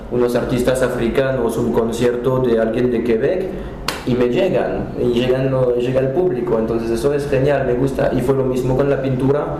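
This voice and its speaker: The recording is poor, with heavy reverb and a bit of background noise, as a man from France chats in French-accented Spanish. A guest and cultural center director in a casual interview, he sounds warm and medium-pitched, friendly yet halting, frequently restarting his words.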